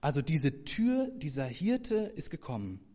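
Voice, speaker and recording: A man preaching a sermon to a congregation, talking to them directly, now rising to loud emphasis, now dropping soft and slow. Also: a little high, huge pitch swings. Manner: addresses congregation directly, swells for emphasis then drops soft.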